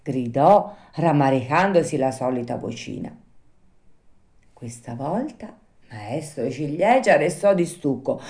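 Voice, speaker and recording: A woman reads a classic storybook aloud in an unhurried, expressive way. Her voice sits low and mellow, swinging widely in pitch as she tells it. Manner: expressive, lively reading. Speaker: narrator. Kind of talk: storybook narration.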